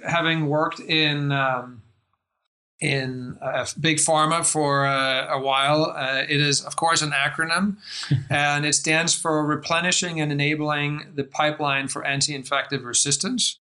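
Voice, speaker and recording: A middle-aged man from Denmark with an American-influenced Danish accent, giving measured, thoughtful interview answers as a guest. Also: fairly high pitch, level tone, sharp tone. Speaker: guest, life-science investor.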